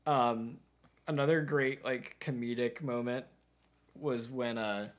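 A man talks through a film with his co-host in a loose, rambling way, dropping "like" into nearly every phrase. His voice sits at an ordinary middle pitch, and the talk stays relaxed and unscripted. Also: slow. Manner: rambling, heavy on filler "like". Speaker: podcast co-host. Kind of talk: casual movie discussion.

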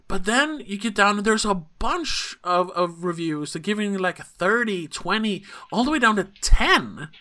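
Bright voice, casual movie chat, lots of ums and sorry-asides. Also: mid-range voice. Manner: rambling, hesitant, apologetic asides. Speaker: podcast co-host. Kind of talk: casual film review chat.

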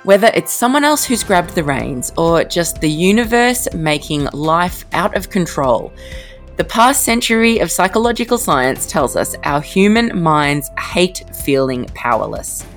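Low-voiced, lively podcast host woman. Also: a little slow, faint music behind. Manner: expressive, storytelling delivery. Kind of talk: scripted podcast narration.

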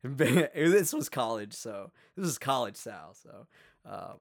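A man's voice: medium pitch, slow, vocal fry. A young man co-hosting a podcast, telling a story casually, with lots of fillers and voices for the people in it. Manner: animated, acts out quoted voices, many fillers. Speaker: podcast co-host.

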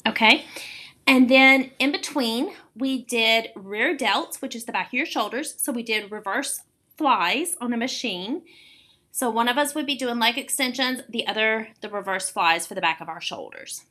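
A woman's voice: on the high side, moderate pace, pushed and bright. A woman in her late forties, hosting a casual fitness podcast as an encouraging, emphatic coach. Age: late 40s. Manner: encouraging, emphatic, repeats words for stress. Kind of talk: casual explanatory podcast talk.

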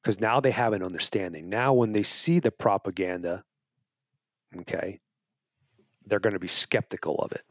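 Man with a lowish voice, a podcast guest making his case earnestly, restarting his phrases, recorded dry. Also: normal speed, long pauses, no echo. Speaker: wildlife advocacy guest. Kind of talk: casual interview talk.

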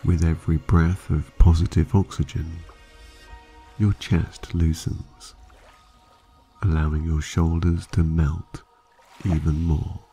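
In a very deep voice, a man leads a guided sleep meditation the way a sleep story narrator would: calm, measured, hypnotic, with long pauses between phrases. Soft music plays in the background.

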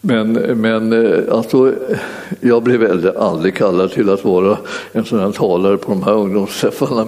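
A man preaching a sermon and telling a personal story, halting and repeating himself with many fillers and restarts. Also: mid-range voice, mellow. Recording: long hall reverb.

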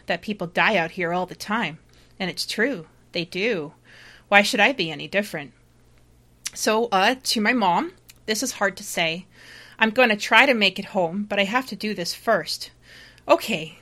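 A woman playing a panicked, doomed lighthouse keeper in space, delivering a halting, confessional distress-call monologue. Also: lowish voice, pushed and bright. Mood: anxious, despairing, then resigned, grieving. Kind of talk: dramatic first-person monologue read aloud.

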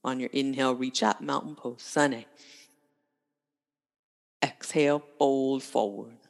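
A woman instructor guiding a yoga class with calm, unhurried cues in short, breath-led phrases. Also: extremely low pitch, creaky. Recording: long reverberant room echo.

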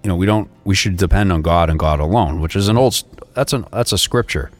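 A man in a casual faith discussion, animated, repeating himself and laughing often. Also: low-pitched, fast, dry recording, faint music behind. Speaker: co-host.

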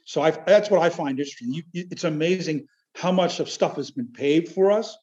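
A man talking casually in an interview, halting and rambling but enthusiastic. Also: fairly high pitch, darkish tone. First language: Chiac French. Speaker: amateur military history researcher, podcast guest. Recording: dull, lo-fi audio.

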